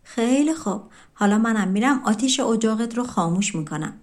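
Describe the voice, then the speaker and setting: A woman's voice: fairly high pitch, lively intonation, darkish tone, natural voice. A woman voicing a sulky house cat in a storybook folk tale, reproachful and threatening.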